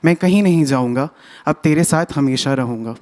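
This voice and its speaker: A young man voicing his gentle, loving father in a quiet, slow way. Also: a little high, close to an everyday voice. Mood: tender.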